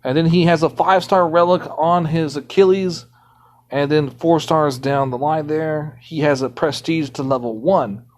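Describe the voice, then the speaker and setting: A man's voice: a little high, steady tone, moderate pace. Ranting, indignant male game streamer. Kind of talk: casual live-stream commentary.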